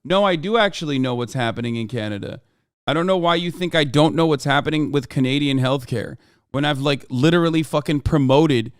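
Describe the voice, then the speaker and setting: A man's voice: a little high, fairly quick, clean tone, no echo. A man hosting a livestream, ranting about politics at his chat in a profane, combative and sarcastic way. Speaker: livestream host. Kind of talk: heated political rant to chat.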